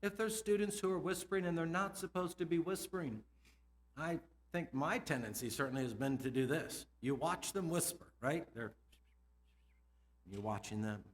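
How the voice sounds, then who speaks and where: A man's voice: fairly high pitch, moderate pace. Man lecturing teachers with questions. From United States. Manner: lively, asks the audience questions, laughs between points. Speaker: school administrator. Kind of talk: conference talk to teachers.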